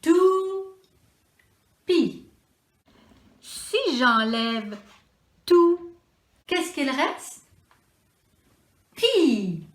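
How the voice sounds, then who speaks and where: A woman with a Quebec French accent teaching preschoolers, sounding out syllables slowly and clearly in a sing-song way. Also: on the high side, big pitch swings, a bit bright. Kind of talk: slow, deliberate teaching for young children. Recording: echoey room.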